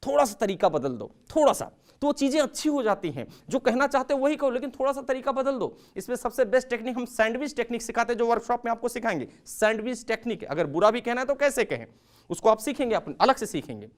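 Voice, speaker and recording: High-voiced man giving a dramatic motivational talk. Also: animated, fast. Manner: dramatic storytelling with sharp shifts in loudness and pitch; addresses viewers as friends, mixes English words into Hindi. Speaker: communication trainer.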